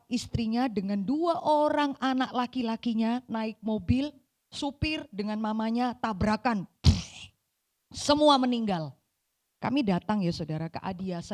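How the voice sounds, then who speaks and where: A woman vicar giving a seminar sermon, reading a passage and then telling stories in an expressive voice, now and then dropping in English words. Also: on the high side. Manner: mixes English words into talk, addresses listeners as saudara; expressive, shifts between reading aloud and lively telling. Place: church seminar hall.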